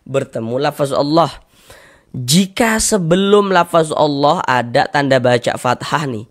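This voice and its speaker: A man teaching Quranic recitation rules, explaining patiently, repeating each rule and slowly drawing out the recited syllables. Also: medium pitch. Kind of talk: tajwid lesson with recited examples.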